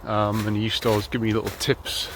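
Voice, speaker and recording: This man talks fast in a lowish voice while jogging on a snowy morning, background noise audible on his handheld camera. In his thirties and from North East England, the running vlogger keeps his chat relaxed and rambling, dotted with ums.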